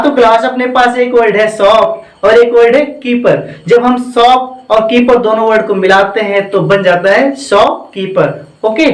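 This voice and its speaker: High-voiced man teaching English grammar. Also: reverberant, low-quality recording. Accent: Indian English. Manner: repeats and quizzes the class with questions. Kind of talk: classroom lecture.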